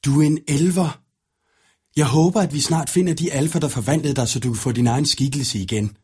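A worried but determined young princess speaks earnestly in a raised voice, as a male reader puts her on. The tone carries a husky edge. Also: a little high, darkish tone, voice pushed up.

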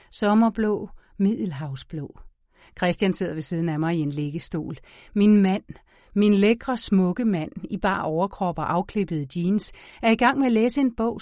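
Low-voiced woman narrating an audiobook. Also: dry recording, clean studio sound. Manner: measured, expressive storytelling.

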